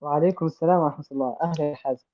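A man with a Libyan Arabic accent, hosting a casual interview and gently drawing answers out of young guests. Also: on the high side, rapid-fire, no room sound, dull audio.

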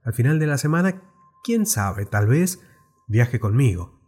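A man's voice: mid-range voice, very animated, measured pace, darkish tone, breathy edge. A man voicing an eager little male fairground performer who speaks rapturously, in a storybook reading. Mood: coaxing. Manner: rapturous, pleading.

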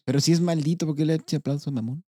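A man's voice: fairly high pitch, fairly even intonation, rapid-fire, mellow, husky, no room sound, studio quality. A man co-hosting a casual podcast, joking and teasing in banter. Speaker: podcast co-host.

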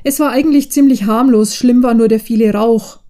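A woman reading the part of a kindly middle-aged aunt who runs a café, in a mellow, slightly high voice. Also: fairly quick, close to an everyday voice. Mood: reassuring.

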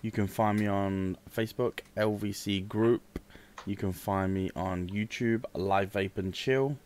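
British bloke on a podcast, blunt, swears a lot, easygoing chat. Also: male voice, lowish voice, fairly even intonation, a little slow, darkish tone. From Britain. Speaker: podcast host.

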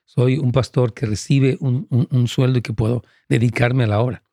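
A man who is a pastor talks through viewers' questions in a live show, earnest and emphatic, often breaking into easy laughter. His voice sits at an ordinary middle pitch. The sound is close and dry, with almost no room around it. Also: fairly even intonation, moderate pace, vocal fry, mellow, no room sound. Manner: earnest, laughs easily, stresses points emphatically. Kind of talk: live question-and-answer talk.

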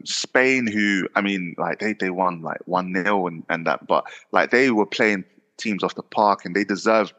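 A man's voice: low voice, bright, forceful tone, long reverb tail. A man co-hosting a podcast, chatting about football in a rambling way full of fillers. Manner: rambling, filler-heavy, laughs often. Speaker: podcast co-host. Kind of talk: casual football chat.

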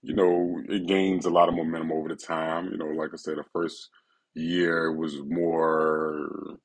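A man hosting a casual, intimate solo podcast, speaking in a laid-back, personal way right in the listener's ear, with a gravelly, husky voice. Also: a bass voice, flat delivery, a little slow. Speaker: podcast host.

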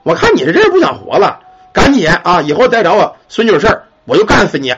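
A man's voice: sits high, sing-song, quick pace, a bit bright, husky, heavily acted. A man voicing a fierce, protective old grandfather ghost who swears and boasts. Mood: furious. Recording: dull lo-fi recording.

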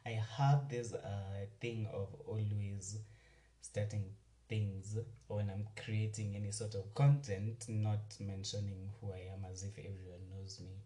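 A man, hosting a casual solo podcast, chatty and rambling as he talks warmly to his listeners. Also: fairly low pitch, level tone, a little slow. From Kenya. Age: 20s. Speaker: podcast host. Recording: roomy, distant mic, faint music.

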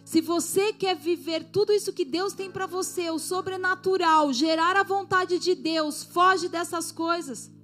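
A woman's voice: extremely high pitch, steady tone, a little slow, hardly any pauses, a bit bright, soft background music. A woman pastor preaching a sermon to a congregation, exhorting them and asking for their response.

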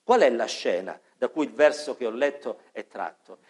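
A man preaching an evening sermon with fervent emphasis, rising on key words, dropping to quiet prayer, and sometimes correcting himself mid-sentence. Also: medium pitch, animated, moderate pace. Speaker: pastor.

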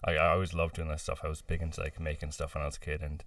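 Podcast guest from the Boston area, low smooth voice, easygoing rambling storyteller, slightly distant mic. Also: male voice, rapid-fire, no echo. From United States, near Boston. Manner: relaxed storytelling with many fillers and laughs. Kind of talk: casual interview chat.

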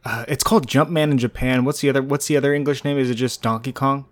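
A man's voice: medium pitch, fairly even intonation, fast. A man co-hosting a casual gaming podcast, laid-back and rambling, often laughing. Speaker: podcast co-host.

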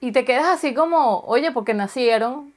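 A woman's voice: high-pitched, animated, normal speed. A Venezuelan woman in casual chat, telling a story and acting out the dialogue. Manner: chatty storyteller, acts out dialogue.

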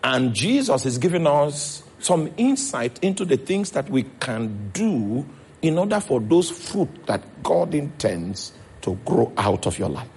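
A man's voice: medium pitch, very animated, a little slow, darkish tone, a little hiss or hum. A man with a Nigerian accent preaching a sermon as pastor, checking in with his congregation as he goes.

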